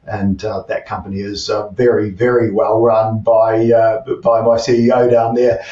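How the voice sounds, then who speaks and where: Halting New Zealand man, roomy distant sound. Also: fairly low pitch, level tone, mellow. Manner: hesitant, many fillers and restarts. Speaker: guest, tech CEO. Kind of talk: casual interview chat. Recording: distant, dull, roomy remote audio.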